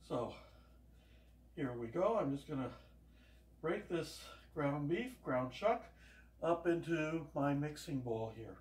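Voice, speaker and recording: An older man with a fairly high, darkish voice chats casually as he cooks at home, telling rambling homespun stories in a slow, expressive way with long pauses. He's a home cooking vlogger giving a relaxed cooking demonstration, captured by a camera across the room. The kitchen is echoey and his voice sounds far off.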